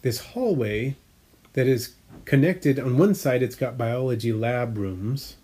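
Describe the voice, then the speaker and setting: A man takes his time in a mellow, slightly rough mid-range voice, chatting casually as an aquarium hobbyist vlogger about his fish tanks. He rambles and corrects himself as he explains, with lots of fillers and hobbyist detail.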